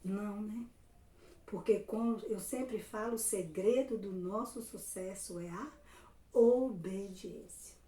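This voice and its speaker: A woman's voice: mid-range voice, slow, mellow. A woman with a Brazilian Portuguese accent, a Sunday school teacher giving a children's Bible lesson, who asks questions and answers them herself. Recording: echoey room, voice from a distance.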